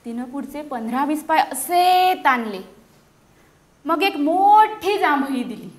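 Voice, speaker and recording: Brief: high-voiced, lively woman teacher reading aloud, echoey classroom. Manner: animated, keeps questioning the children. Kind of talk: reading a picture book aloud to children.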